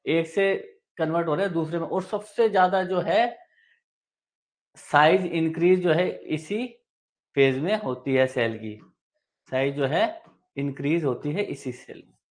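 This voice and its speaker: A man's voice: fairly high pitch, unhurried. A male teacher running a live online exam-prep class, explaining step by step, repeating key terms and answering his own questions. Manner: mixes English technical terms into Hindi speech. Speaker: medical exam coaching teacher.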